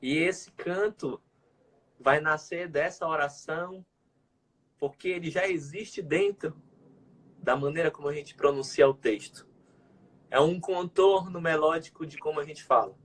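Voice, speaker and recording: A man with a Brazilian Portuguese accent, co-hosting a casual video-call chat and explaining liturgical music in a measured, teacherly way. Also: on the high side. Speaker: co-host, liturgical music educator.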